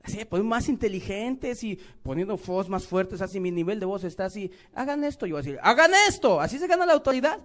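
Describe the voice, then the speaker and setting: A man with a Mexican accent preaching a sermon, moving between loud emphatic lines and quiet asides, acting out little dialogues. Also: sits high, lively intonation, a little fast, few pauses. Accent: Mexican Spanish.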